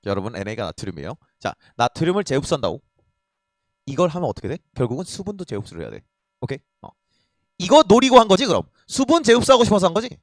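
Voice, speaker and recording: A man's voice: a little high, wildly swooping pitch, quick pace, dry recording. A man teaching a reading lesson in a casual, blunt way, swearing freely and often checking that students are following. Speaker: Korean language tutor. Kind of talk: lecture on reading a passage.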